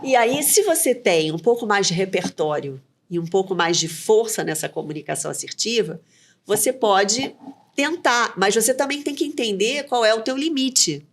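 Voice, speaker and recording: A woman's voice: mid-range voice, animated, normal speed, a little hiss or hum. A woman, a communication mentor being interviewed, who gives advice in short, firm phrases. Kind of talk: conversational podcast interview.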